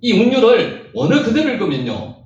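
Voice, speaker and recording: A man's voice: extremely high pitch, huge pitch swings, fairly quick, a little mellow, lo-fi sound. A man giving a Bible lecture, stressing key words by repeating them and quizzing his listeners. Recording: very echoey room, mic far off.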